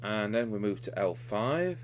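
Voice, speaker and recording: An animated man with a fairly low voice speaks unhurriedly as he fixes a radio. His hands-on, unscripted demonstration at an indoor workbench proceeds step by step and somewhat tentatively, recorded with clear noise and electrical hum.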